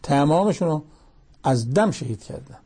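A man's voice: a little high, lively intonation, dark tone, breathy edge. A man preaching a sermon, reciting Arabic scripture and pressing his listeners with pointed rhetorical questions.

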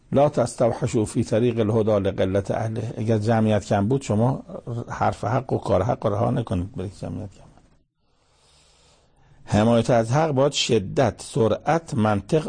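A man giving a religious commentary lecture in a measured, emphatic way, reciting Arabic verses between his explanations. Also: fairly low pitch, vocal fry, warm tone, slightly rough. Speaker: Quran commentator.

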